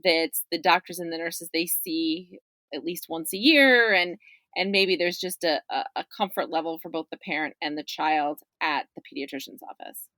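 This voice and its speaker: A middle-aged woman with a lowish, bright voice speaks at normal speed in a forceful tone, with no echo. As a podcast guest discussing her parents' views, she is chatty and emphatic and keeps checking in with "right?".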